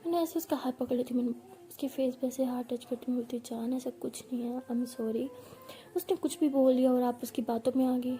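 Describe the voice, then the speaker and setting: A woman's voice: sits high, fairly even intonation, quick pace, dark tone. A woman narrating a first-person love story in a tender, intimate way, acting out the dialogue herself. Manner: tender, intimate, voices both partners in the story.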